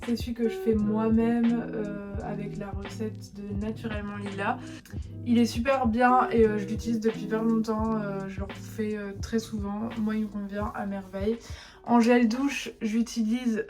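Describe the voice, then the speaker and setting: A woman's voice: mid-range voice, flat delivery, moderate pace. A young woman chatting casually at home in a vlog, upbeat and full of fillers. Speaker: vlogger. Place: home rooms, indoors. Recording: loud background music.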